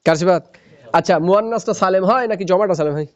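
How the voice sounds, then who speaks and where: A man teaches grammar in a lecture, his voice sitting high. He keeps asking questions and answering them himself. The recording sounds muffled and lo-fi. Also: racing, smooth. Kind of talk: classroom lecture.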